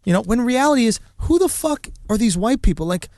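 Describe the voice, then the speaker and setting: A man with a notably high voice, talking fast in animated, profane, joking podcast banter. The sound is dry and close, with no room around it. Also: dry recording. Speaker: podcast co-host.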